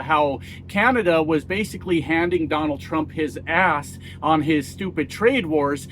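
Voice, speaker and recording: A middle-aged American YouTube commentator offers blunt, casual political commentary, folksy and self-mocking, swearing freely. His voice is on the high side with a fairly bright tone, over slight background noise.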